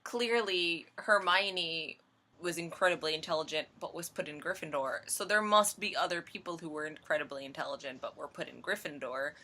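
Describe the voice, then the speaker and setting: A woman's voice: low-pitched, normal speed, bright, forceful tone. A woman in a casual barstool debate over drinks, making emphatic, argumentative rebuttals.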